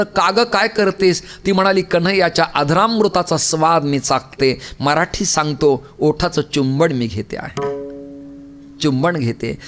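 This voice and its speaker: High-voiced man preaching a kirtan. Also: fairly bright tone. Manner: acts out the characters' lines, pitch rising sharply in emphatic calls. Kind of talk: devotional kirtan sermon with storytelling. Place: temple hall.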